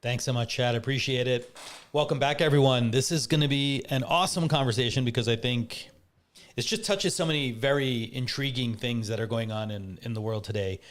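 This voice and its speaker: Friendly guy moderating, mid voice, excited to get going. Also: medium pitch, fairly quick. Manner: enthusiastic, friendly. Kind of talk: moderating a panel.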